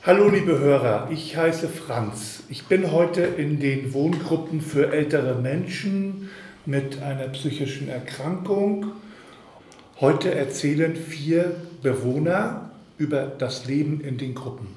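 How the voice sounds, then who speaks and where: Slow, careful male presenter. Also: a little high, darkish tone, roomy sound. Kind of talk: scripted introduction.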